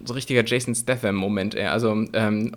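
A young man with a lowish, steady voice speaks fast as a podcast co-host. His anecdotes ramble, told in casual slang-heavy storytelling.

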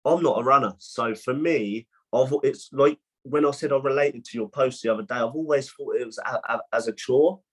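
A man, a boxer talking as a podcast guest in a halting way full of restarts. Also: medium pitch, husky. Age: 20s. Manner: halting, many restarts and fillers. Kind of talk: casual podcast chat.

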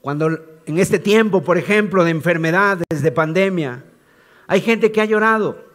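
A man's voice: high-pitched, normal speed, a bit bright. A man preaching a sermon in an emphatic way, repeating key phrases and asking questions to teach.

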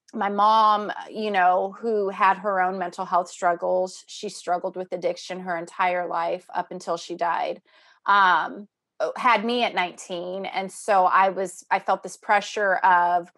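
A woman's voice: medium pitch, level tone, measured pace, fairly bright tone. A woman in her thirties speaking in a reflective, earnest way in a casual conversation. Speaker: doctoral student.

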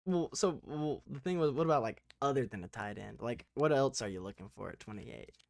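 A man from Tennessee chats about football on a podcast, relaxed and easily amused. His mid-range voice sits in a dry, close recording with no room sound. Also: mid-range voice, fairly quick, vocal fry, no room sound. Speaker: podcast co-host. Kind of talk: casual sports chat.

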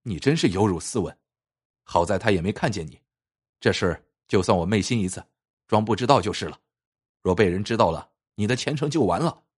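Man voicing a proud poor scholar in a storybook tale, firm, low and husky. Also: animated, fairly quick. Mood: stern. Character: poor male scholar, upright and stubborn.

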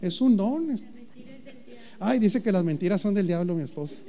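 A male pastor preaches in a fairly high voice. He jokes with the congregation, throws questions at them and stretches out key phrases with slow, deliberate emphasis. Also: animated, dark tone. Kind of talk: sermon.

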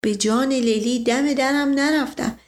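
Woman narrating a novel, fairly high voice. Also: fairly even intonation. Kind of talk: audiobook narration.

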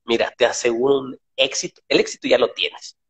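A man speaks with a gravelly, husky voice in a relaxed conversation. He is reflective and thoughtful, often checking in with a tag question. His voice sits in a middle pitch. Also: fairly quick. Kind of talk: casual conversation.

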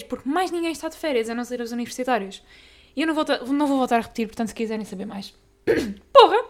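A young woman with a European Portuguese accent, hosting a casual solo podcast, talking fast and tripping over tongue twisters. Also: on the high side, darkish tone. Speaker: podcast host.

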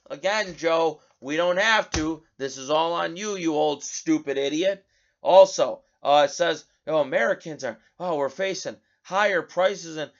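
A man's voice: high voice, creaky, a bit bright, lo-fi sound. A male talk show host giving an indignant, sarcastic political commentary monologue, often restarting his words.

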